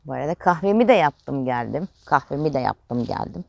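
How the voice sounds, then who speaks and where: A woman's voice: low voice, expressive, brisk, vocal fry, darkish tone, dull audio. A middle-aged woman from Turkey chatting casually through a home vlog and cooing affectionately to her chickens in the garden. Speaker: vlogger mother.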